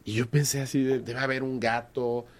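A man with a Mexican accent telling a story in casual conversation, animated and hesitant, repeating words for emphasis. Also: medium pitch, moderate pace.

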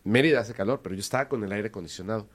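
A man's voice: lowish voice, very fast. Mexican man telling a story. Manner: animated, hesitant, repeats words for emphasis. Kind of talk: casual storytelling in conversation.

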